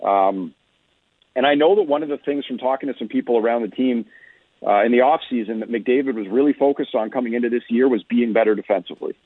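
A man appears as a radio guest offering off-the-cuff hockey analysis, speaking conversationally and often rephrasing mid-thought. His medium-pitched voice is fast with a breathy edge and no echo, heard over a muffled, phone-like call-in line.

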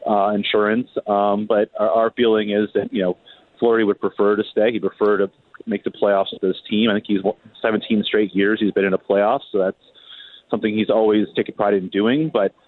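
Over a thin phone line with a roomy echo, a reporter guest on a sports show breaks down hockey. His lowish voice is brisk and has little pitch movement. He sounds conversational yet hesitant, often repeating words.

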